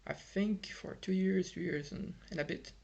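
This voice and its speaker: Creaky, a little mellow and high-pitched, this young Brazilian vlogger's voice comes through dull audio at normal speed. Speaking English with a Brazilian accent (his first language is Portuguese), he gives a frustrated, rambling casual monologue full of fillers and restarts from his home in Ireland.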